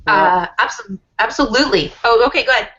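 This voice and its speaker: A woman's voice: a little high, a little fast, fairly bright tone. A woman in her forties, a guest on a casual livestream, talking earnestly and rambling with many restarts. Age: 40s. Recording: dull lo-fi livestream audio.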